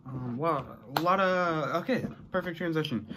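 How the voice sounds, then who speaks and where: In a small bedroom indoors, a young adult American man shows off his collection haul, chatting casually and unscripted to the camera in a rambling way. His voice leans high, pushed and bright, at a moderate pace, with slight background noise.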